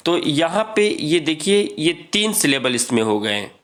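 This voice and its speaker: A man teaching English grammar in a lesson, reading rules slowly and explaining them with many repetitions. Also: on the high side, big pitch swings, a bit bright. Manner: reads English rules slowly, then explains, repeating "ठीक है".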